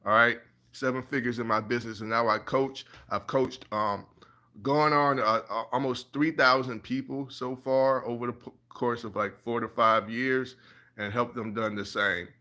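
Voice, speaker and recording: A man's voice: mid-range voice, steady tone, moderate pace, sharp tone. A man coaching viewers in a casual live stream, encouraging and repetitive, often checking in with his audience. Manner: encouraging, repeats "all right" and "you guys". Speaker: passive income coach.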